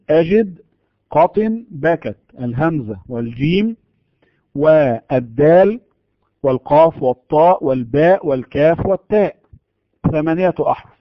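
A man giving a tajweed lesson, explaining slowly and drawing out the example words. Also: fairly high pitch, dry recording, muffled recording. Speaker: Quran recitation teacher.

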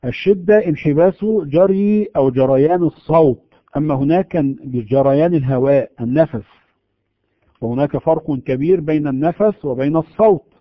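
A man giving a tajweed lesson, explaining slowly and drawing out the example words. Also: fairly high pitch, no echo, highs cut off. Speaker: Quran recitation teacher.

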